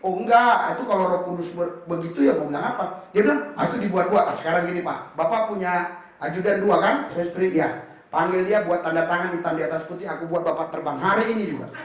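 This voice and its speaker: A male pastor preaching a sermon, telling stories in a lively way with sudden shouts and laughter. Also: high voice. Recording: roomy echo from far off the mic.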